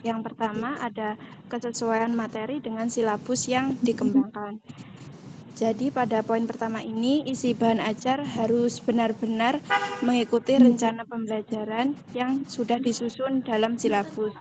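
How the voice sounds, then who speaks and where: A young woman explains her section of a class presentation in her own words, with small fillers along the way. Her voice sits a little high, and steady noise runs behind her. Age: young adult. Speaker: student presenter. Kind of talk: explaining lesson material. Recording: noisy classroom recording.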